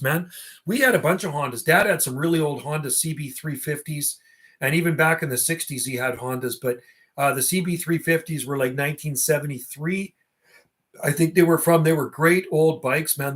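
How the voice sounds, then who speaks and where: A middle-aged man with a slightly higher-than-usual voice hosts a casual livestream, rambling in loose, slangy phrases and reminiscing as though chatting with friends.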